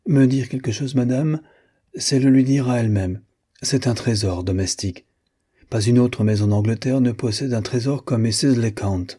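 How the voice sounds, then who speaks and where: A man voicing a vain, fussy wealthy gentleman who talks in a pompous, condescending way. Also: mid-range voice, normal speed, breathy edge, close to an everyday voice.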